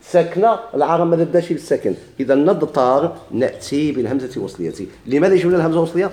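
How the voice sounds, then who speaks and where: A man with a Moroccan Arabic accent teaching a grammar lesson, asking questions and answering them himself, and repeating key words slowly. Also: on the high side, lively intonation, mellow, echoey room.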